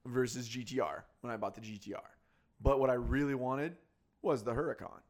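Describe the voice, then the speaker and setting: A man hosts a casual car podcast at a mid pitch, often laughing at himself. He tells his stories with animated asides. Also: fairly quick. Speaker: podcast host.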